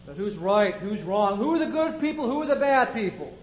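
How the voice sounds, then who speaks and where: A man's voice: sits high, big pitch swings, a little fast, echoey room, a little hiss or hum, rough recording. A man preaching a sermon, building his point through strings of rhetorical questions.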